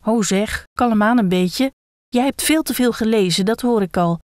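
A woman's voice: fairly high pitch, normal speed, darkish tone, no room sound, clean studio sound, close to an everyday voice. A woman voicing a timid male gecko who hedges and doubts as he gives away a wish. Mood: hesitant. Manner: hesitant, hedging, fussy.

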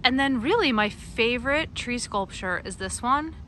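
On the high side and animated, this middle-aged American woman's voice sounds pushed and bright at a moderate pace, with a little hiss or hum in the background. A garden blogger, she gives an enthusiastic, casual walking tour of her backyard garden, recorded outdoors on a phone and peppered with fillers and small laughs.

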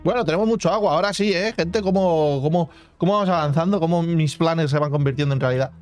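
A man's voice: a little high, fast, a little mellow, faint music behind. A man casually commenting on his own gameplay as a channel host, thinking aloud and humming little sound effects. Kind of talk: casual let's-play commentary.

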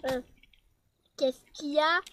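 A woman improvises a toy-figure role-play, talking in a rambling, hesitant way. Her voice sits high. There is clear noise behind her on this home recording. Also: measured pace.

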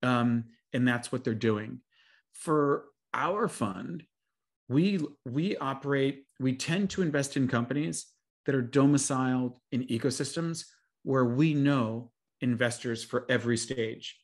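A man in his forties, a venture capital investor, speaks fluently over a video call from a room at home lined with bookshelves. His voice sits at a medium pitch and moves at a measured pace as he gives a webinar presentation and answers Q&A questions.

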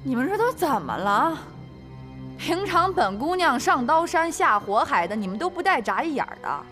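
A woman's voice: high voice, very animated, normal speed, a bit bright, faint music behind. A feisty, headstrong young warrior woman. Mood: exasperated. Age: young adult. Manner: feisty, exasperated, stammering outbursts. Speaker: young heroine. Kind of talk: historical TV drama acting.

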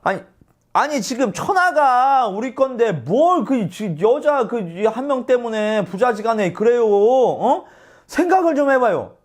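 A man's voice: very high-pitched, animated, moderate pace, hardly any pauses, voice pushed up. A man playing a scheming male adviser who coaxes and scolds his lord in exasperation. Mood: exasperated. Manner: coaxing, exasperated.

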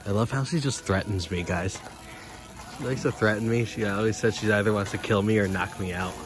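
A young man filming a casual vlog while walking through a large store, playful and excitable. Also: lowish voice, fairly quick. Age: young adult. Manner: playful, excitable, laughs often. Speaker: vlogger. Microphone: handheld phone camera.

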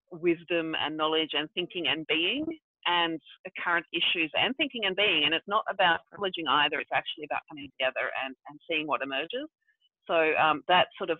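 This low-pitched woman is a regenerative development practitioner who grew up in Brazil and South Africa. Appearing as a video call guest, she thinks out loud with plenty of fillers, over tinny, dry, phone-like audio with no room sound.

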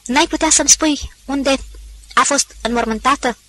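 A woman voicing an agitated young nobleman who speaks low and urgently, in an audiobook reading. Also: expressive, creaky, sharp tone, heavily acted, low-quality recording.

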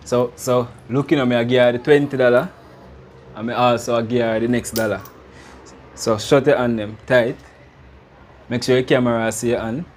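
A man's voice: mid-range voice, fairly even intonation, normal speed, long pauses. A man in his thirties with a Jamaican accent, giving casual, playful magic-trick patter with repeated instructions, like an amateur party magician. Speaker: prank vlog host performing magic trick. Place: outdoors on a small concrete porch. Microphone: camera a few metres away. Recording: background noise, outdoor ambience.

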